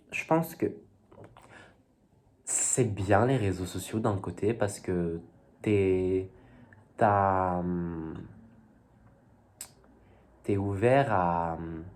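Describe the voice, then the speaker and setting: A young man talking casually to his viewers, rambling and hesitant, full of fillers and youthful slang. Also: low-pitched. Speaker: vlogger. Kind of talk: casual talk to camera.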